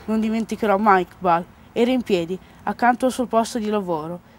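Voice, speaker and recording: A teenage schoolgirl slowly reading a story aloud for a school news report, earnest and careful. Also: medium pitch. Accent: Italian. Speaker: student reader.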